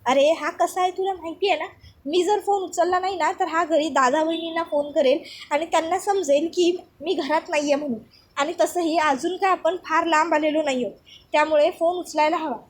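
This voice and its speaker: A woman's voice: extremely high pitch, fairly even intonation, brisk. A woman voicing a fiery young woman who angrily insults her fiancé. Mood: sharp. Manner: insulting, indignant.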